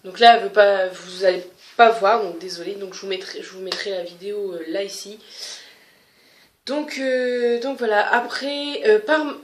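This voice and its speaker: A young woman talks casually to her camera, chatty and halting, filling pauses and restarting her sentences. Her voice sits at an ordinary pitch for a woman. The room around her echoes. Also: steady tone. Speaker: beauty vlogger. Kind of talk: casual haul chat.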